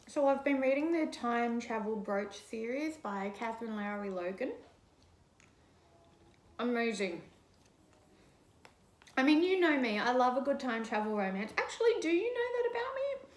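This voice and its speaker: A woman's voice: on the high side, darkish tone. A woman in her thirties chatting casually and gushingly to camera while eating, chewing as she talks, in a living room. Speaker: mukbang vlogger. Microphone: camera across a coffee table. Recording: roomy echo.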